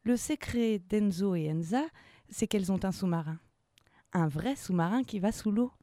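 A woman reading a children's story aloud in a slow, expressive way. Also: mid-range voice, no room sound, studio quality.

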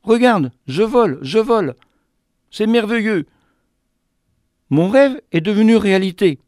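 A tiny, excitable female blue tit chirps her lines in a high, lilting voice, as a male storyteller puts her on. Her delight bubbles up from phrase to phrase. The sound is close and dry, like a storybook reading. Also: measured pace, dry recording. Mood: joyful.

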